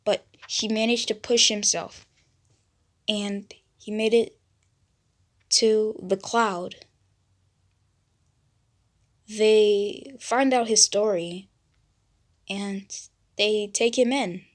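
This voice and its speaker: A woman's voice: medium pitch, steady tone, extremely slow, pauses often. A woman casually narrating a fan story, hesitant, with fillers and restarts.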